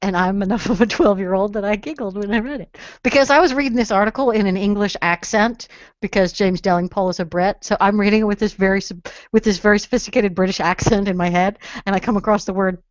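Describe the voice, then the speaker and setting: A woman's voice: mid-range voice, fast talker, dry recording. A woman co-hosting a political podcast, chatty and giggly. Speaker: podcast co-host. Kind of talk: casual political podcast chat. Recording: dry, dull lo-fi sound.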